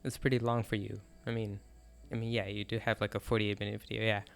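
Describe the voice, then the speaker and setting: A man's voice: lowish voice, little pitch movement, quick pace, creaky, soft background music. A man co-hosting a podcast in casual chat, hesitant and self-conscious, often stammering into restarts. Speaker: podcast co-host.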